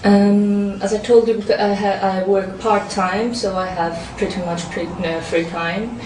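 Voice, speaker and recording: In a steady, mid-range, slightly mellow voice, an exam candidate who grew up speaking Farsi unhurriedly works through speaking test questions, full of fillers and restarts. The distant mic gives a roomy sound with noticeable background noise.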